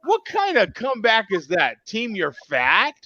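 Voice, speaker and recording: A man in his fifties with a high, bright voice that swings all over the place, hosting a relaxed live web show and ribbing his friends. The video-call sound is dry and a little dull. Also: a little slow, no room sound. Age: 50s. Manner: teasing, joking, repeats words when excited. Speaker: show host.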